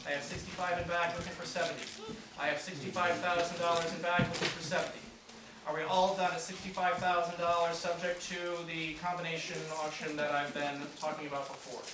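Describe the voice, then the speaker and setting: A man's voice: on the high side, level tone, brisk. A man working as an auctioneer, calling live bids in an informal, plain-spoken way and repeating prices. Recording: very echoey room, distant mic, noisy.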